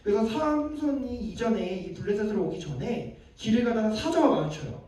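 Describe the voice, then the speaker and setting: A male pastor speaks briskly to young adults, his high, dark-toned voice rising and falling dramatically. Chatty in manner, he quizzes his audience and plays out the words he quotes. Faint hiss or hum accompanies a distant, echoey room recording.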